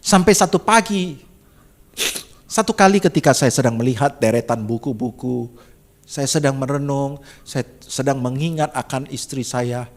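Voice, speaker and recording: A middle-aged Indonesian man preaching a sermon as a pastor, telling a story with dramatic swings from soft and low to loud and high, often calling out to his congregation. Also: normal speed. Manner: addresses congregation as "saudaraku".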